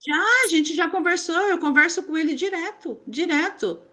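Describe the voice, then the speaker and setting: High-voiced Brazilian woman confiding. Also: moderate pace, bright, forceful tone. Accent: Brazilian Portuguese. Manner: confiding, rambling, repeats fillers. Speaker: therapy group participant. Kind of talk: emotional personal account.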